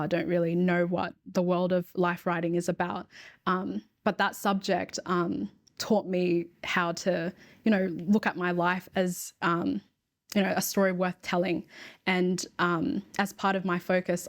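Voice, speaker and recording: A young woman speaks as an interview guest, taking her time and reflecting carefully on each point. Her voice sits a little low and keeps to a narrow, level melody. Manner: reflective, measured storytelling. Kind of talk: casual interview.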